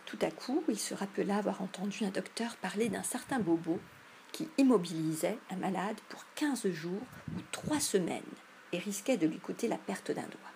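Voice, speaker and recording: A woman narrates a classic storybook in a measured, expressive way. Her voice sits at a middle pitch, and a faint background hiss runs under the reading. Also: gravelly. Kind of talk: audiobook reading.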